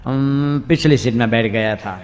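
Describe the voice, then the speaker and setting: A man's voice: medium pitch, moderate pace, big-room sound, slight background noise, pitched below the performer's own voice, natural voice. A man voicing a flustered driver who reports his stolen car parts and then sheepishly apologizes. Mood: complaining.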